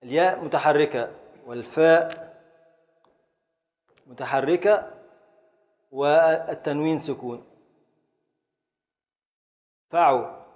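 A man with an Egyptian Arabic accent leads a classroom lesson in a somewhat high-pitched voice. He drills his students with short, repeated questions and works through each point one step at a time. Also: slow, long pauses, a little mellow, in a large hall. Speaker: teacher.

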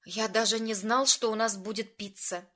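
A woman's voice: fairly high pitch, fairly even intonation, normal speed, a bit bright. A woman voicing an easygoing young man who keeps asking baffled questions in a storybook reading.

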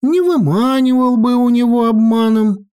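A woman voicing a jittery, cowardly male sorcerer who pleads and frets in a high, whining patter. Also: normal speed, warm tone, smooth, lightly acted. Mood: fearful pleading.

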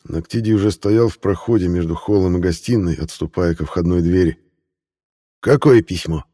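A man narrating a fantasy audiobook in a steady, measured way. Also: sits low.

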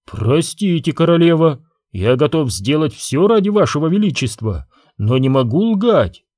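A man's voice: on the high side, big pitch swings, moderate pace, a little mellow, no room sound, clean studio sound. A man voicing a loyal royal advisor who apologizes respectfully but refuses. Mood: apologetic.

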